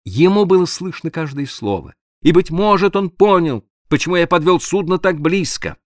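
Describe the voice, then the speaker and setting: A man reading a literary audiobook aloud in a dramatic, expressive way, sometimes dropping to a hush. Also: on the high side, moderate pace, no room sound, studio quality. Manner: expressive, dramatic reading with sudden hushed drops. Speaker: audiobook narrator.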